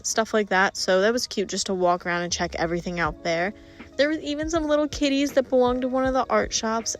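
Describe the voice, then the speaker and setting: A woman narrating her travel vlog in a chatty, upbeat voice-over. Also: medium pitch. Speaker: travel vlogger.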